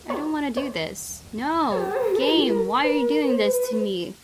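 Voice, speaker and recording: A woman hosts a gaming video, dramatically reading a visual novel aloud and exclaiming at the game with open emotion. Her voice sits high and her pace is measured, but the recording is very noisy.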